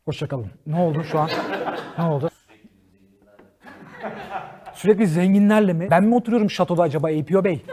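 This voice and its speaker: A man hosting a comedy show, joking and cursing freely in an animated monologue, often laughing as he talks. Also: on the high side, brisk, long pauses. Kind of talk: stand-up style monologue to a studio audience.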